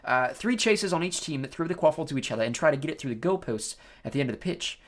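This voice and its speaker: A reader voicing a weary, resigned teenage schoolboy who answers flatly and heavily. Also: medium pitch, fast talker, natural voice. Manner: flat, heavy, resigned.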